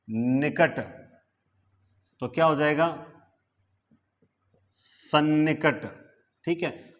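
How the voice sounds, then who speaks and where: A man from India leads a live grammar lesson at a deliberate, unhurried pace. He breaks words into parts and stretches every syllable. The sound is muffled and lo-fi, like a streamed class. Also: mid-range voice. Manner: stretches out words syllable by syllable while explaining at a board; asks the class rhetorical questions to check understanding. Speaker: Hindi grammar teacher.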